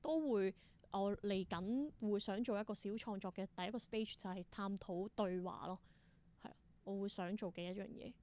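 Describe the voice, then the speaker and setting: A woman with a Hong Kong Cantonese accent speaks thoughtfully as a guest in a reflective interview, mixing in English words. She is a theatre performer and creator, and her medium-pitched voice is warm, at a normal speed.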